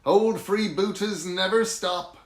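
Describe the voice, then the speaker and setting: A man voicing a rowdy, jolly band of storybook pirates in a loud, bouncy, declamatory chant. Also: medium pitch, lively intonation, a little slow, gravelly. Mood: boisterous. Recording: roomy, echoing sound.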